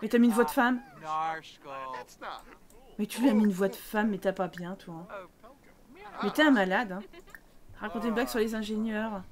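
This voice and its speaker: A woman's voice: medium pitch, moderate pace, pauses often, a crowd in the background. A woman chatting casually as she streams a life-sim game, teasing the characters and talking to them.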